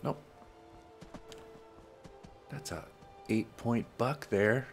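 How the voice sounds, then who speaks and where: A man's voice: mid-range voice, drawn-out words, vocal fry, soft background music. A man hosting a let's play, chatting casually and self-deprecatingly and talking back to the characters on screen. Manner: rambling and self-deprecating, talks to the game characters. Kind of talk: casual gameplay commentary.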